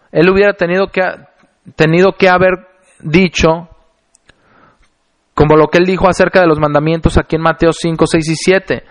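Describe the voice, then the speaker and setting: A male preacher with a voice that sits a little high for a man, delivering a sermon. He reads scripture aloud and then explains it. He speaks deliberately and slows down to stress key phrases.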